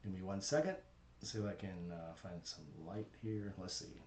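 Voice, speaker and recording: A man's voice: low-pitched, normal speed, slight background noise. A man hosting a casual livestream, chatting loosely with viewers while testing his gear, his voice carrying an echoey empty-room reverb from a desk mic in a home studio. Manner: relaxed, rambling, chatty with viewers. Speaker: livestream host. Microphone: desk microphone. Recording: roomy reverb on the voice.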